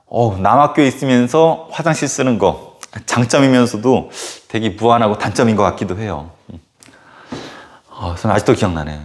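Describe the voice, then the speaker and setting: A man who teaches middle-school history, telling a casual anecdote in a lecture with animated storytelling and lots of filler words. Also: lowish voice. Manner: animated storytelling full of filler words and sudden acted outbursts.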